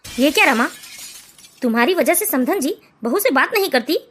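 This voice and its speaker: A woman voicing an elderly father-in-law who asks questions in a steady, reproachful way. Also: high-pitched, normal speed, a little hiss or hum.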